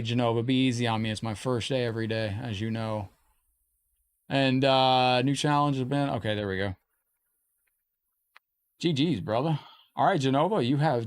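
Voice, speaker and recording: A man hosting a live gaming stream, chatting casually with viewers as he plays at his desk at home. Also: medium pitch. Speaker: game streamer.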